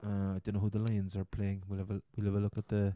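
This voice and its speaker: A man's voice: fairly low pitch, completely flat delivery, fast talker, dark tone, no echo. An Irish man with a Cork accent hosting a casual sports chat, rambling and often repeating his words. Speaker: podcast host. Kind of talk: casual chat, fantasy football commentary.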